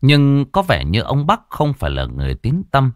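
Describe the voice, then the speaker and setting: A man narrating a ghost story with an expressive, varied delivery. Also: medium pitch, moderate pace, dry recording, clean studio sound.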